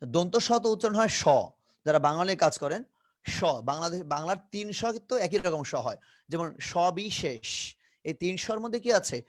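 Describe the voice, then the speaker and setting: A man's voice: high voice, lively intonation, a little fast. A man from Bangladesh teaching an English phonetics lesson, drilling each sound over and over and mixing English words into his talk. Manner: drills sounds by repeating them many times.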